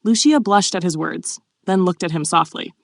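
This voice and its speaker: A woman giving a steady scripted narration of a story recap. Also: lowish voice, moderate pace, gravelly, no room sound, clean studio sound.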